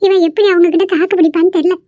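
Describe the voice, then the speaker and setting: A woman voicing a tearful old grandmother, high and muffled. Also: steady tone, racing, mellow, no room sound. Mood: pleading. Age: older. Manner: pleading, tearful. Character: tearful elderly grandmother working as a maid. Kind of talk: cartoon voice acting. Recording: muffled lo-fi recording.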